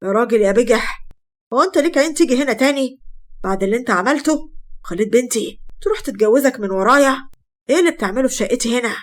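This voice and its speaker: A woman voicing an indignant, scolding old father in an Egyptian Arabic accent, loud and accusing. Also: a little high, animated, rapid-fire, natural voice.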